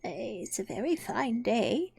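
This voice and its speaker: A woman voicing a timid, anxious storybook rabbit in a hurried, breathy whisper. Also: on the high side, sing-song, no room sound, full character voice. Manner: hurried, frightened, hushed.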